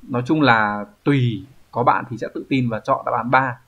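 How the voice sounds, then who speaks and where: Thầy giáo nam giảng bài đều đều, tiếng hơi đục. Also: male voice, mid-range voice, normal speed, a bit bright, muffled recording. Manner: explanatory, asks rhetorical checks like "right?". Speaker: Japanese language teacher. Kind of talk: explaining exam answers.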